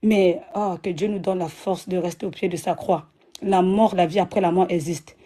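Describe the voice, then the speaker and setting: A woman's voice: on the low side, steady tone, moderate pace, dark tone. A woman telling a personal religious testimony, repeating herself and restarting often with many fillers. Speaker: guest giving a religious testimony.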